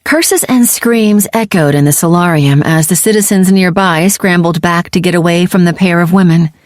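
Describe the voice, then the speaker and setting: A woman narrating a science-fiction audiobook in a steady, even storytelling manner. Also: on the low side, moderate pace, no echo, clean studio sound. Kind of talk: scripted narration.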